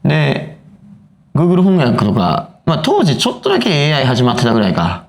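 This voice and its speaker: A Kansai-accented man chats quickly, teasing and reacting to his friends. His voice rises and falls in lively swings, and he keeps up a fast conversational pace. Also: mid-range voice. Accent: Kansai Japanese. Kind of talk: casual chat.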